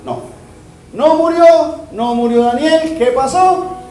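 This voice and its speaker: A man's voice: very high-pitched, slow pace, darkish tone. Man, Colombian accent, pastor, playful sermon, rhetorical questions, roomy church echo, faint music.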